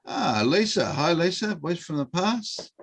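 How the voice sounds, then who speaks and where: A middle-aged man presents an online workshop over a video call. He talks in a relaxed, hesitant way, with many fillers. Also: a little high, a little slow. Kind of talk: online teaching session.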